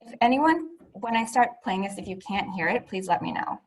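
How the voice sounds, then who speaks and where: A woman presenting a public health program on a video call, measured and explanatory. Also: medium pitch, lively intonation, poor audio. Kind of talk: webinar presentation. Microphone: laptop mic on video call.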